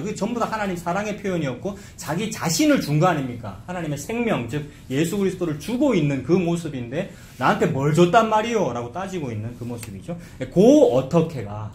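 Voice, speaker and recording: Slightly high yet darkish in tone, with a little hiss or hum, a male pastor delivers an expository sermon in an echoey sanctuary with faint background ambience. He chats with the congregation, asks them questions, and imitates quoted grumbles in a mocking dialect.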